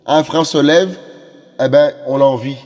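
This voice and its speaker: Fervent high-voiced preacher man. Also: a little slow, darkish tone, long reverb tail. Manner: fervent, repetitive exhortation with many fillers. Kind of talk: evangelistic sermon.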